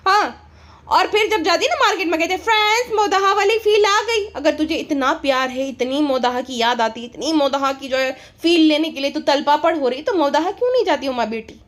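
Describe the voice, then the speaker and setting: Sarcastic high-voiced woman commentator. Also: a little fast. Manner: mocking, scornful, laughs at her subject. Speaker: commentary vlogger.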